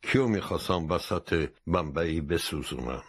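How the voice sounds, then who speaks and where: A man's voice: a bass voice, expressive, breathy edge, dry recording, clean studio sound, exaggerated voice. A man voicing a stern, businesslike older male judge in an audiobook, speaking curtly and matter-of-factly. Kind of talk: audiobook character voice.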